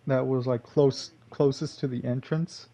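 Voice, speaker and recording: A man's voice: medium pitch, fairly even intonation, unhurried, mellow. A man giving casual gameplay commentary, rambling and correcting himself, chuckling often.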